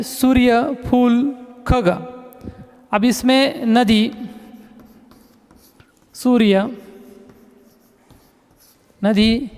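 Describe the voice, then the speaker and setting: A man's voice: very high-pitched, clear, resonant tone. A male teacher, giving a recorded class lesson and patiently repeating words as he explains them. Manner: patient, repeats words and keeps saying "look". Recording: echoey room reverb.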